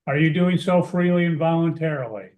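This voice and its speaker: A man's voice: a little high, a little fast, a little mellow. A man speaking as a judge in formal court proceedings, putting questions in procedural, formulaic wording, with a roomy echo. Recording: roomy, echoing sound.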